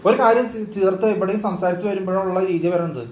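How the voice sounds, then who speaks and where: Lecturing high-voiced man in echoey room. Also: fast talker, darkish tone. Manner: insistent, lecturing, asks rhetorical questions. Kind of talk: casual lecturing chat. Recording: roomy echo with faint ambient noise.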